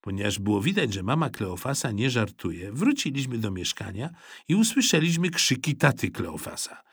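A man narrating a children's storybook in an expressive, animated way. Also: mid-range voice, normal speed, breathy edge, no echo, clean studio sound. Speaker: audiobook narrator.

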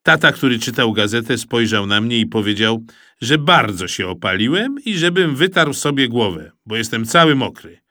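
Man narrating a kids' storybook, super animated pitch, dry close studio sound. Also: normal speed, no room sound. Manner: lively, expressive storytelling. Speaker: audiobook narrator.

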